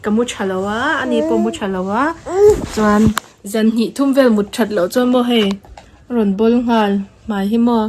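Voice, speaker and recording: A young woman with a fairly high voice chats casually to her viewers. She sounds relaxed and talkative, as if explaining her routine from home. A faint hiss of noise sits under her voice. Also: normal speed. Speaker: vlogger. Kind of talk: casual vlog chat.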